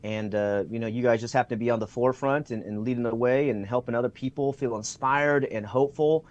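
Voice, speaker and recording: This guest joins the interview remotely by video call, his mid-range voice steady and brisk, with the highs cut off. Full of enthusiasm and filler words, he narrates anecdotes and performs the remarks of the people in them.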